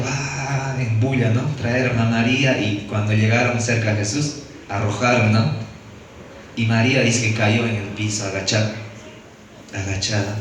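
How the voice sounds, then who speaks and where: A man's voice: mid-range voice, a little hiss or hum. A male preacher telling a Bible story as a sermon, often asking "¿no?" and calling out "hermanos". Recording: echoey room from far off.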